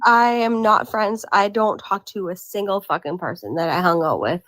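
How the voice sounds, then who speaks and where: A woman's voice: medium pitch, moderate pace, fairly bright tone, dry recording, rough recording. A woman from Massachusetts talking bluntly in a casual video-call chat, swearing freely. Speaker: guest.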